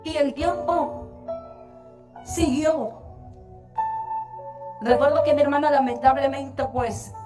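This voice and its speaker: A young woman telling her testimony in a church sanctuary, heartfelt and unhurried, with long pauses. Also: sits high. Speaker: church singer giving a testimony. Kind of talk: personal testimony from the pulpit. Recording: distant church mic with soft music. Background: soft music.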